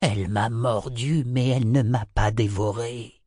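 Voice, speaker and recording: A man voicing a wounded, uneasy male serpent with a hoarse, whispery voice in a storybook reading. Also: mid-range voice, fairly even intonation, a little slow, warm tone, no echo, studio quality, natural voice.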